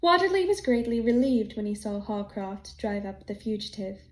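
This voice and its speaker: A woman narrating an audiobook chapter in a calm, soft, steady storytelling manner. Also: mid-range voice, moderate pace, roomy sound. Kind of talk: scripted narration.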